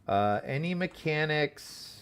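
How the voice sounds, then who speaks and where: A man streaming a game with casual, excitable commentary, reading the dialogue aloud as he plays. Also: fairly high pitch, slow, clean tone. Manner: excitable, exclaims and laughs often; reads on-screen dialogue aloud.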